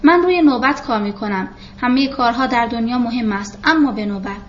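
A woman's voice: a little high, highs cut off, slight background noise, close to an everyday voice. A woman voicing a stubborn old male carpenter who talks bluntly and plainly, in a storybook reading.

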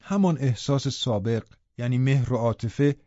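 Male audiobook narrator, measured literary reading, dry close sound. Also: medium pitch, no room sound. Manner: measured, even storytelling. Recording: dull lo-fi recording.

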